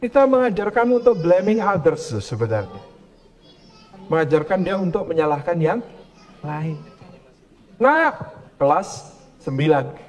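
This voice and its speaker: A male preacher gives a parenting talk to a gathered audience. His voice sits high and swings widely as he moves between teaching and storytelling. He delivers it in an animated way. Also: a little slow, pauses often. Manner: animated, acts out quoted parents in higher voices. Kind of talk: parenting lecture. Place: lecture to a live audience.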